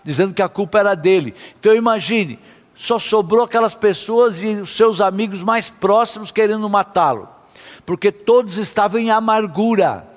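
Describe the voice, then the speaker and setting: High-voiced man preaching in an echoing hall. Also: moderate pace. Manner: impassioned preaching, sometimes half-singing his phrases. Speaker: pastor. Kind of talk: sermon. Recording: long hall reverb.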